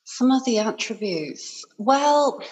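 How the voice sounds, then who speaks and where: Here the same Hong Kong-born, Yorkshire-raised business owner appears as a podcast guest in a conversational interview, her speech gushing and full of fillers. She sounds higher-pitched and expressive, taking things slowly, and the poor audio carries a big-room sound.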